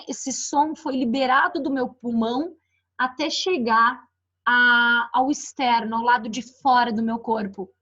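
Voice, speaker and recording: A woman's voice: a little high, lo-fi sound. A woman teacher with a Brazilian Portuguese accent giving a recorded lecture, explaining slides with frequent "né" and "ó". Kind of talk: recorded online lecture on phonetics.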